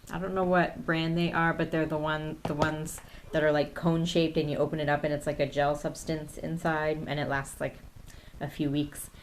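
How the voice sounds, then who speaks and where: Low-voiced woman with many ums. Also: slight background noise. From Canada. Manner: hesitant, many ums, reading questions off her phone. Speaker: YouTube vlogger. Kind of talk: casual tag video chat.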